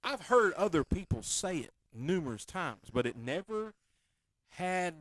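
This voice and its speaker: A man's voice: high-pitched, sing-song, unhurried, a bit bright, dry recording. A man from the hosting a casual chat show, joking around and repeating phrases. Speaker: podcast host.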